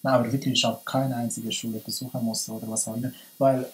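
A young man from Iran talks in a relaxed interview, his speech marked by a Persian accent. He is hesitant, often stops and restarts words, at an ordinary pitch. He sits at a table in a small room, heard through a camera a few meters away. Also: quick pace, poor audio. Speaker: guest. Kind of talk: casual interview.

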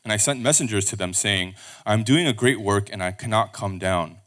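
A man reading scripture aloud at a pulpit microphone in a church service, steady and measured. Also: on the low side.

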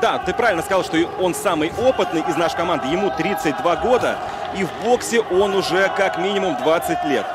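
A man's voice: sits high, expressive, fairly quick. A man giving live sports commentary on boxing. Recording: crowd noise behind commentary mic. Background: arena crowd.

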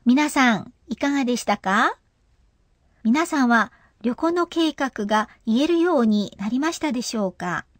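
A woman's voice: fairly high pitch, expressive, normal speed, dry recording, clean studio sound. A woman teaching a radio language lesson, explaining pronunciation in a patient way.

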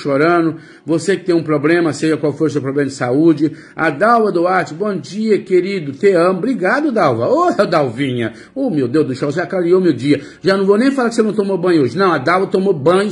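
A Brazilian man hosting a casual live stream as a psychic, greeting viewers by name and teasing them in a chatty way. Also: fairly high pitch. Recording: faint music behind.

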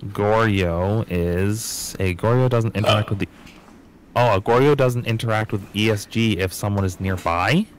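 A man's voice: on the low side, normal speed, slight background noise. A man playing a ghost-hunting game with friends, thinking aloud as he works through the clues in a casual murmur. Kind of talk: casual gaming chat with friends.

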